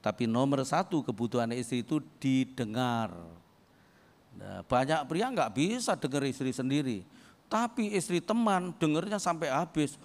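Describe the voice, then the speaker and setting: An older man from East Java, a pastor giving a humorous sermon, telling stories and swinging from low asides to loud shouted points. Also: animated, moderate pace. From East Java, Indonesia. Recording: long hall reverb.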